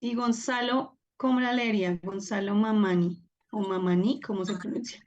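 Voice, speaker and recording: A woman's voice: medium pitch, steady tone, moderate pace, a little mellow, highs cut off. A woman teaching a live online class, encouraging and upbeat as she calls on students by name over a video call. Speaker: Biblical Greek teacher.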